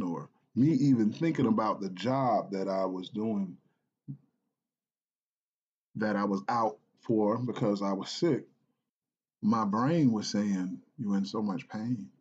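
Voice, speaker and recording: A man from South Carolina telling a personal story in an earnest, halting way, with restarts and repeated phrases. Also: on the low side, dull audio. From South Carolina, United States.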